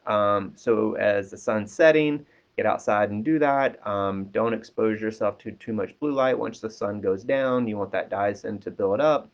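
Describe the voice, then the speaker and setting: Casting Man, lower voice, counselor giving easygoing advice, lots of fillers, dull lo-fi recording. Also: unhurried. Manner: relaxed, many ums and restarts. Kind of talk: casual advice talk. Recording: dull lo-fi sound.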